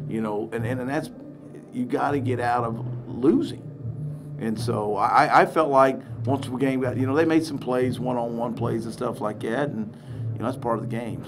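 A man's voice: medium pitch, vocal fry. A middle-aged man, a head basketball coach, talking candidly and animatedly at a postgame press conference, often restarting his words. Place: press room in front of a sponsor backdrop. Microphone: table mic on a stand.

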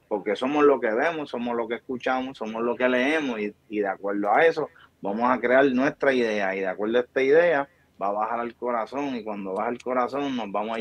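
Speaking at medium pitch, a Puerto Rican man in his thirties who founded a barbershop gives a preachy, emphatic motivational talk while gesturing with his hands. He is an interview guest on a video call, his Puerto Rican Spanish accent clear. The webcam captures dry, dull, lo-fi audio in a small indoor room.

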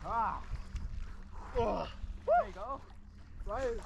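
Male hiking companion, unhurried and creaky, casual chat in the open air. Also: sits high, animated, recorded from a distance, highs cut off. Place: outdoors. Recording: loud wind and water noise outdoors.

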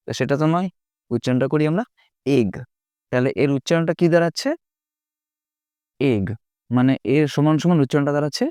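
A man's voice: on the high side, darkish tone, clear, resonant tone, no echo, studio quality. A man teaching a spoken language lesson, explaining letter sounds patiently and often checking with the listener. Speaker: English teacher.

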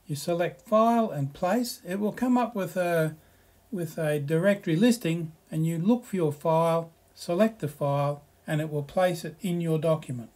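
Male tutorial narrator, slightly higher voice, relaxed explanatory delivery over slides. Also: normal speed. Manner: relaxed, explanatory, reads slides aloud with asides. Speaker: software tutorial presenter.

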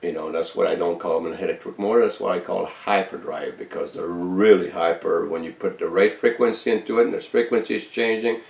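A man's voice: low voice, steady tone, fairly quick, gravelly, hardly any pauses, distant mic. A man who is sick with a virus talks bluntly and emphatically, repeating himself as he demonstrates his inventions. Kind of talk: casual workshop video talk. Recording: roomy sound from off-mic.

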